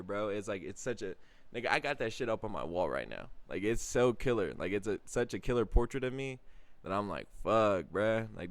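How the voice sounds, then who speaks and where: A young man telling casual stories in slangy talk, often jumping into high-pitched exclaims. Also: no echo. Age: young adult. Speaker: vlogger. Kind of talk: casual storytelling monologue.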